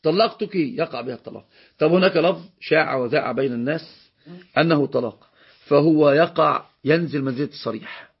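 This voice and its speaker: Egyptian man teaching, fast and husky, somewhat high voice, repeats himself to stress points, dull lo-fi recording. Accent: Egyptian Arabic. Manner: explanatory, repeats phrases for emphasis. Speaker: teacher of Islamic law. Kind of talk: religious lesson explaining a text.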